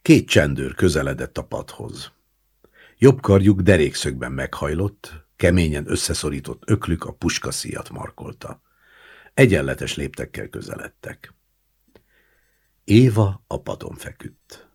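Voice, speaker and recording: A man reading a short story aloud as an audiobook narrator, expressive and acting out the lines. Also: very deep voice, breathy edge. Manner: expressive, acts out the characters' lines.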